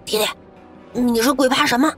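A man voicing a bold young village boy in a horror audiobook, in a squeaky falsetto with an urgent, quick delivery. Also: expressive, a bit bright, soft background music.

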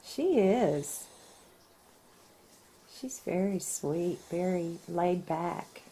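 A woman's voice: on the low side, expressive, very slow, dark tone, a little hiss or hum. A woman hosting a casual family vlog, cooing and laughing often as she talks. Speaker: vlog host.

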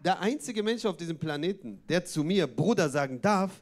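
A man's voice: high-pitched, animated, moderate pace. A man doing a stand-up comedy set on a club stage, chatty and full of wordplay and tag questions.

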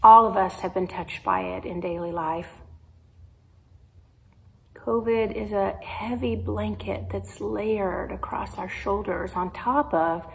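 A woman pastor with a Midwestern American accent, preaching a sermon in a slow, measured way with pauses. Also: medium pitch, low-quality recording. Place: church sanctuary.

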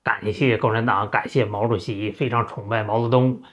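A man's voice: lowish voice, steady tone, a bit bright. A middle-aged man, hosting a storytelling monologue in a chatty way, often stretching out "啊" fillers. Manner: chatty, with frequent drawn-out "啊" fillers. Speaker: host.

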